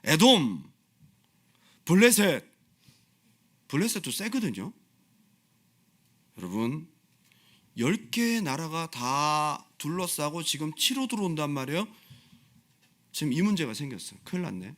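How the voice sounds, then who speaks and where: Impassioned Korean-speaking male pastor, lively pitch. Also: moderate pace, pauses often. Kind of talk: sermon. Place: church sanctuary.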